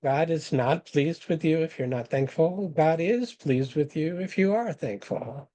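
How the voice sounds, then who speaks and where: A man presenting a webinar, reading scripture passages aloud in a measured, deliberate way and explaining them. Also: on the high side, expressive, dark tone, poor audio. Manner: measured, reads quotations slowly and deliberately.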